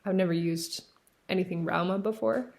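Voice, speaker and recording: A knitting podcast host from Newfoundland, Canada, chatting casually and rambling with fillers and self-corrections as they show yarn and socks in a seaside cabin. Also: female voice, lowish voice, normal speed, creaky, a little mellow, a little hiss or hum. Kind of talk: casual show-and-tell chat. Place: cabin by the sea.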